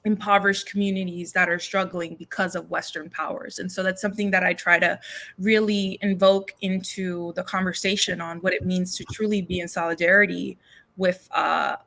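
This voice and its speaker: A woman's voice: fairly low pitch, little pitch movement, normal speed, vocal fry, fairly bright tone. A woman poet who grew up in New York, talking earnestly as a guest and thinking aloud with restarts and tag questions. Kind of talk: livestream book conversation.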